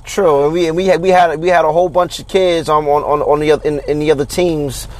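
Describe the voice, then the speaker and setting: Fairly high-voiced man, youth football coach hosting a casual sports chat, animated and prone to restarts. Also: fast. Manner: animated, repeats and restarts words often.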